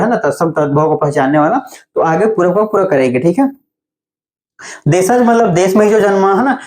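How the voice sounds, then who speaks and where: A man's voice: high voice, darkish tone. A male teacher giving an online grammar lesson, explaining step by step and checking in after each point. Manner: explains step by step with frequent "theek hai" check-ins; slows down to list terms.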